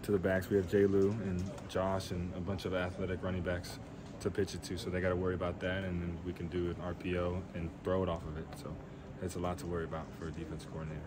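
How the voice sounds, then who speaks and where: A man's voice: deep voice, completely flat delivery, fast, hardly any pauses, background noise. A young man, a college quarterback, answering reporters' questions after a game, plain-spoken with many fillers, in a weight room. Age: young adult. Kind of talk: postgame press Q&A. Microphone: handheld reporter mics.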